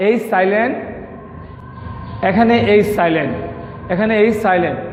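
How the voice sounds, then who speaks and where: A male English teacher from Bangladesh giving an online grammar lesson, speaking slowly and patiently and repeating words for his students. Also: sits high, animated, slight background noise. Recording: echoey room, dull lo-fi sound.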